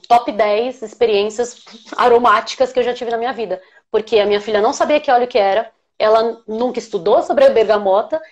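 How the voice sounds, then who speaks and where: A woman with a Brazilian Portuguese accent, an aromatherapist hosting a live chat, talking in an animated, emotional way. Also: on the high side. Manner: animated, emotional, laughs while telling. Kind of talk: casual live chat storytelling.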